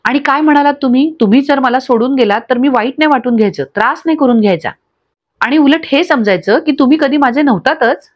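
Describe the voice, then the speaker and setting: A worried young wife pleads and frets over her husband, spoken by a woman narrator. The voice sits a little high, and the recording sounds dull and lo-fi. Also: expressive, fast. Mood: upset pleading. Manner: pleading, upset.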